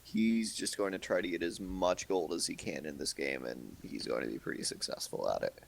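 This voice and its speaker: A man giving measured, analytical co-commentary on a live video game match. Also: low-pitched, vocal fry, slight background noise. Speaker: esports co-commentator.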